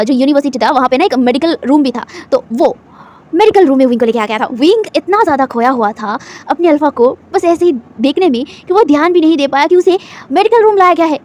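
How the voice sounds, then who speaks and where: Quick, chatty woman retelling a story. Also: sits high, animated, darkish tone. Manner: chatty, with fillers and asides. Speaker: fan fiction storyteller.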